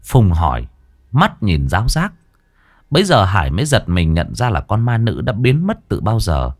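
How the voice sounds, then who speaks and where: A man's voice: fairly low pitch, big pitch swings, normal speed. A man narrating a ghost story in a vivid, colloquial storytelling manner. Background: soft music.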